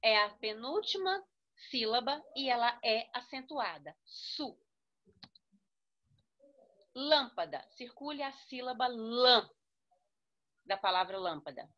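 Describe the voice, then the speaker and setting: This grammar teacher, speaking with a Brazilian Portuguese accent, stresses syllables and keeps checking in with students. She talks slowly with long pauses in a slightly high, a bit bright voice with lively intonation, on dull audio.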